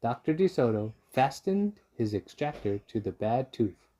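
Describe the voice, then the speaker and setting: Slow-paced man reading a storybook. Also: medium pitch, big pitch swings, dark tone. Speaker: storybook reader. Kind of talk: scripted children's story narration.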